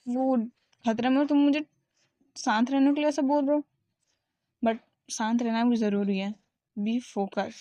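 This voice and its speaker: A woman's voice: on the high side, mellow, no echo. A woman casually retelling a fan story and speaking the characters' lines in her own voice, often stopping to restart. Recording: dry, dull lo-fi recording.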